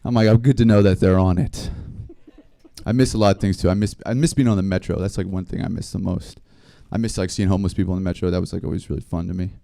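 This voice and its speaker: A man performing a stand-up set, spinning rambling anecdotes with a deadpan delivery. His tone is dark and mellow. The recording is dry and close. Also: low voice, racing, gravelly, few pauses, dry recording. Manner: deadpan, rambling storytelling with small laughs. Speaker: stand-up comedian. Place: live comedy stream venue.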